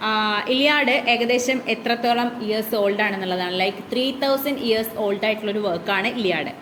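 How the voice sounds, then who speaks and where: A woman teaching a literature class, reading English lines slowly and then explaining them in her own words, with frequent "okay" fillers. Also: medium pitch, fairly bright tone, echoey room, a little hiss or hum. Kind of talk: classroom lecture.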